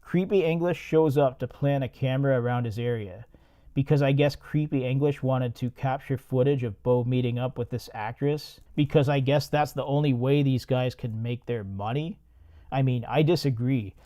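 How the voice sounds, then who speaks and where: A man's voice: medium pitch, normal speed, warm tone. A man hosting a podcast, recapping and reacting to a movie in a laid-back, profane way. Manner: laid-back, profane, laughs at his own jokes. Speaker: podcast host.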